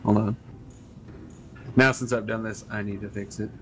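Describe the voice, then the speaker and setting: A man chatting casually while playing a co-op game, easygoing and quick to laugh. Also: on the low side, steady tone, a little hiss or hum. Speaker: co-op player. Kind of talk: casual gaming chat.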